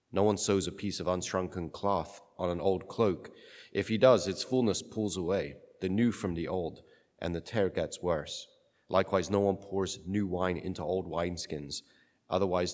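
A priest reads the gospel and gives a homily in a halting, searching way, his voice carrying a long churchlike echo. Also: sits low, a little mellow. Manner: halting, searching delivery full of restarts. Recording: reverberant church hall.

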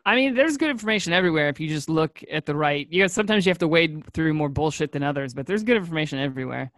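A man co-hosting a podcast, chatting casually, halting and restarting his thoughts. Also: a little high, animated, fairly bright tone, dry recording. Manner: halting, restarts often, quick asides. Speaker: podcast co-host.

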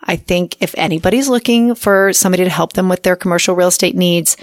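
A woman's voice: fairly low pitch, fast talker, dry recording, studio quality. A woman podcast host giving an earnest, conversational sponsor message. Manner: earnest, recommending.

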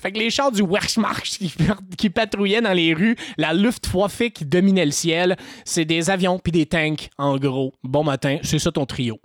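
A man with a Québécois French accent telling a history story on a podcast in an animated, joking way. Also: moderate pace, hardly any pauses, no room sound, studio quality. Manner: animated, jokey, lively pitch swings. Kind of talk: casual storytelling chat.

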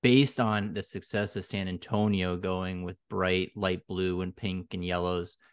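A man explains things conversationally as an interview guest. His voice is low and clear, and the sound is dry and free of room echo. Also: little pitch movement, measured pace. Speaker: interview guest, logo designer.

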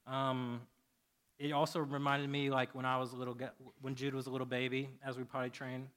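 A man in his thirties preaching a sermon, animated while telling a story and soft and hushed when he prays. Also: mid-range voice, a little fast, smooth. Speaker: pastor.

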